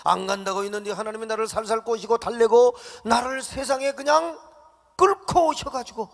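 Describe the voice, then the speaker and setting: A man's voice: very high voice, steady tone, a little fast, creaky, pitched above the performer's own voice. A male preacher playing an indignant older male prophet who argues with God in exasperated questions, in a reverberant church hall. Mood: protesting.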